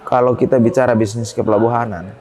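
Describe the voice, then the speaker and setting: Man, interview guest, hesitant, emphatic rises, mid pitch. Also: fairly even intonation, quick pace, darkish tone. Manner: many hesitations, rises in pitch when making a point. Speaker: port business guest. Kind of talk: interview answers.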